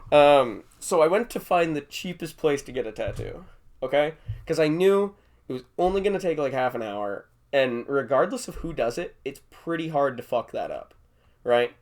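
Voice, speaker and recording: Young male host, animated intonation, rambling comic storyteller. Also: fairly high pitch, normal speed. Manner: rambling, jokey storytelling, often laughing. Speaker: podcast host. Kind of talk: casual chat.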